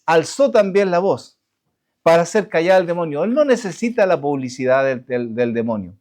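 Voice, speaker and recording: A man preaching a sermon to his congregation, halting with restarts and asking rhetorical questions. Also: a little high, lively intonation, darkish tone. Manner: halting, many restarts and fillers. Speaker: pastor.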